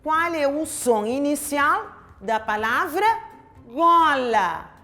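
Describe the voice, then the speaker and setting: Woman teacher with a European Portuguese accent, lively sing-song pitch, spells out syllables slowly for young kids. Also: faint music behind. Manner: slow, drawn-out syllables with exaggerated emphasis for young children. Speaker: primary school teacher. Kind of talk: televised home-learning lesson.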